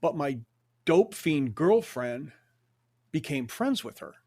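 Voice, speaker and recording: An older man telling stories as a podcast guest, animated, acting out quotes and swearing freely. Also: a little high, slow pace. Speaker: guest storyteller. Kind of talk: conversational storytelling.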